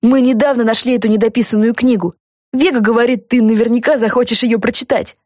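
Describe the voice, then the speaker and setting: A woman narrator voicing an excitable young girl fan who gushes and chatters. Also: a little high, quick pace, no room sound, clean studio sound, voice pushed up, close to an everyday voice. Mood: eager. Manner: gushing, chattering.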